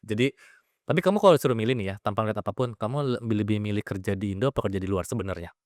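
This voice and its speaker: Young male podcast host, lowish voice, playful and teasing, dry studio sound. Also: very fast, no room sound. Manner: playful, teasing questions mixing English phrases. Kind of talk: casual interview.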